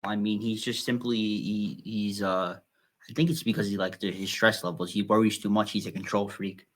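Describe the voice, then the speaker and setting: A man co-hosting a podcast in casual chat, speaking haltingly with frequent "uh" pauses as he searches for words. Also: on the low side, steady tone. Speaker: podcast co-host.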